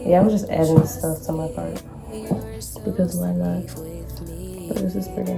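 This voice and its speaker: Female haul vlogger, low register, loose slangy chat, clear music bed underneath. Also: steady tone, normal speed. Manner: rambling, informal, slangy. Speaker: vlogger showing a shopping haul. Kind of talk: casual chatty haul vlog.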